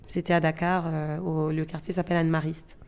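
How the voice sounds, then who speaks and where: A woman's voice: deep voice, little pitch movement, brisk, darkish tone. A woman in her twenties from Gabon, telling her own story in an interview, reflective and hesitant, with frequent fillers and restarts. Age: 20s.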